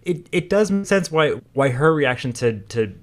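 A man co-hosting a podcast in casual chat, often halting and repeating words as he recaps. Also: fairly high pitch, expressive. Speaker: podcast co-host.

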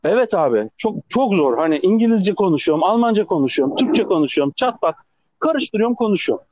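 Man, Ankara accent, high lively voice, dry lo-fi phone audio, storyteller co-host. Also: quick pace, no room sound. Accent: Turkish, Ankara. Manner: animated, acts out quoted people. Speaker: podcast co-host. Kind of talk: casual chat storytelling. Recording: dull lo-fi phone recording.

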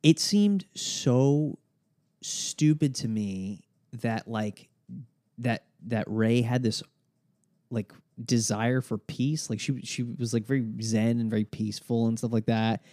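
A man in casual podcast chat, talking frankly and in a relaxed way, sometimes in quick bursts. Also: mid-range voice, no room sound, studio quality.

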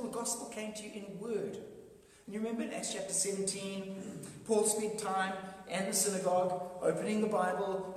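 A preacher delivering a sermon with emphasis, moving between raised declarations and hushed, low lines. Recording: echoey hall, voice from far off.

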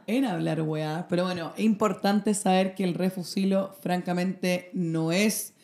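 A woman's voice: lowish voice, steady tone, a little slow, a little mellow. A young Chilean woman co-hosting a casual chat, wry, with mock-formal announcing. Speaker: podcast co-host.

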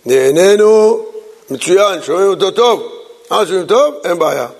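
Rabbi teaching a law class, high gravelly voice, big echoey hall, acts out the folks in his stories. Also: animated.

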